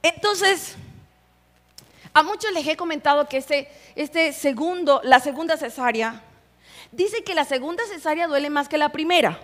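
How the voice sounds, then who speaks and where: Young woman pastor, high-pitched and animated, preaching live in a reverberant church hall. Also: moderate pace. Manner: animated, humorous, acts out quoted voices. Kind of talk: sermon.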